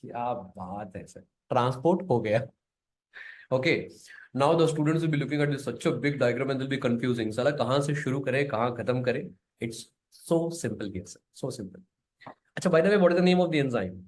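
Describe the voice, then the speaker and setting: A man's voice: medium pitch, lively intonation, rapid-fire, a little mellow. A man with an Indian accent giving an informal exam-prep biochemistry lecture, emphatic and repetitive, slipping between English and Hindi and tagging phrases with questions.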